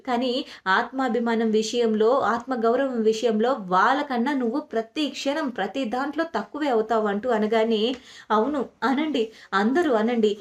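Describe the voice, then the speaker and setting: A woman with a fairly high voice retells a family drama from a television serial. She speaks every quoted line herself in a steady, conversational storytelling flow, pausing on small fillers and restarting words now and then. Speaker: serial recap narrator. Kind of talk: retelling a TV serial episode, voicing the quoted lines.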